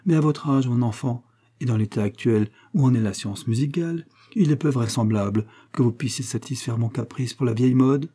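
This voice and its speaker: A man's voice: medium pitch, fairly quick, dark tone, husky, lightly acted. A man voicing an elderly aristocratic lady who is effusive and commanding. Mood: gracious. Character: elderly aristocratic lady, warm, imperious, impulsive.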